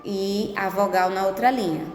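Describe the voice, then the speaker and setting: A woman teaching young pupils in a remote lesson, speaking slowly and patiently and often checking in with tag questions. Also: medium pitch, fairly even intonation. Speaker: primary school teacher. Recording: echoey room with long reverb.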